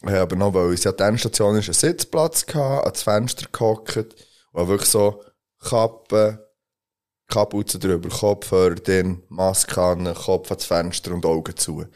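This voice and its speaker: A man with a Swiss German accent co-hosting a podcast, telling a story in a relaxed, laughing way. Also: low-pitched, normal speed. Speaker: podcast co-host. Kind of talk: casual chat, storytelling.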